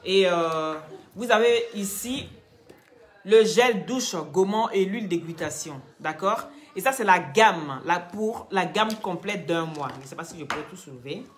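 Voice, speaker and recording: A woman hosting a live stream, teasing and scolding commenters in a chatty way and pitching products to viewers. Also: unhurried. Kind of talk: casual live-stream chat and sales pitch.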